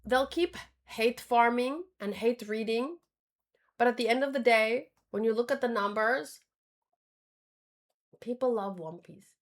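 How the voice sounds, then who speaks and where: A woman with a slightly high voice gives casual livestream commentary, sharing her reactions as a streamer. Her informal, unscripted delivery moves at a measured pace with long pauses, and she often hesitates and rephrases mid-thought.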